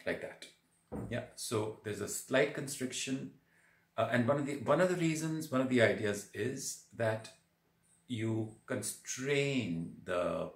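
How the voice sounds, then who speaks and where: A man giving a spoken yoga breathing lesson, explaining in a halting, deliberate way with repeated words. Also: lowish voice. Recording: roomy echo on the voice.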